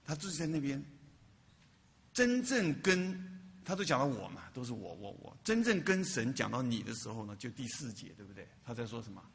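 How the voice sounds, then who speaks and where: A man's voice: mid-range voice, sing-song, brisk, creaky, long reverb tail. A man preaching a sermon as a pastor, often asking the congregation questions and repeating words for emphasis.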